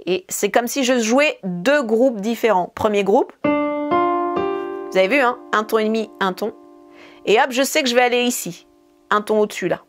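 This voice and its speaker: A woman's voice: a little high, moderate pace, long pauses. A woman piano teacher, explaining a scale casually and counting fingerings aloud as she plays. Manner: talks while playing, counts fingerings aloud. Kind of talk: casual demonstration lesson. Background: piano notes.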